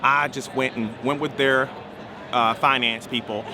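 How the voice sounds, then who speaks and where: A man being interviewed tells a personal story, restarting his sentences often in an animated way. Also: medium pitch, measured pace, noisy background.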